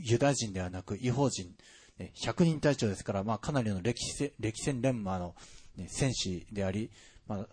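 A man's voice: mid-range voice, darkish tone, breathy edge. A man preaching a sermon, speaking expressively with frequent rising emphasis and conversational asides to the congregation. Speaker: pastor.

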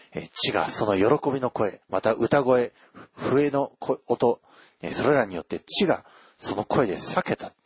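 Male pastor, low husky voice, dry close sound, emphatic sermon delivery with animated pitch. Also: dry recording. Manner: earnest, emphatic preaching with frequent filler pauses. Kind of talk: sermon with scripture reading.

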